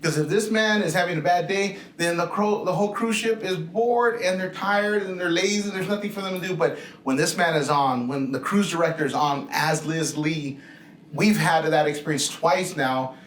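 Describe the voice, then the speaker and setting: A roomy, echoing recording carries a male channel host with a fairly high voice. He interviews casually and effusively, generous with his compliments. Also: moderate pace, fairly bright tone, slight background noise. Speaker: host of a cruise video channel. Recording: echoey, roomy sound.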